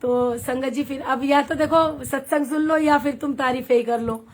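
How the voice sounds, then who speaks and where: A satsang leader from Haryana, India, livestreams devotional stories and chats with her audience in a fairly high voice. Warm and chatty, she laughs often and reads viewer comments aloud, keeping a steady tone at normal speed.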